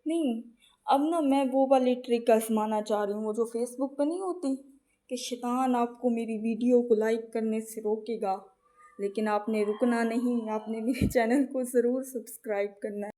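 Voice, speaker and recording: A woman telling funny everyday stories as a casual vlog voice-over, chatty and lively when she acts out others. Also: on the high side. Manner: chatty, animated when acting out the children. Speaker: vlogger.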